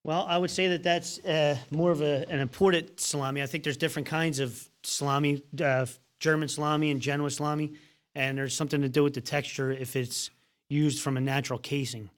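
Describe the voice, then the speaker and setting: Relaxed man describing deli food. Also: fairly high pitch, brisk. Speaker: deli guest. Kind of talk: casual radio chat.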